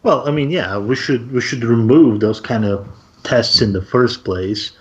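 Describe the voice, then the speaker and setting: A man's voice: medium pitch, a little slow. A man co-hosting a casual panel discussion, making his points earnestly. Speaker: co-host. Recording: dull lo-fi sound.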